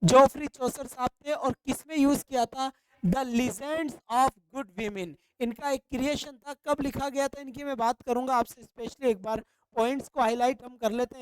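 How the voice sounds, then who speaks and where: A woman teaches an exam-prep literature lesson, repeating each key point and quizzing her listeners as she goes. Her voice is high and smooth. It is recorded close and dry, with no room sound. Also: darkish tone, no room sound, poor audio.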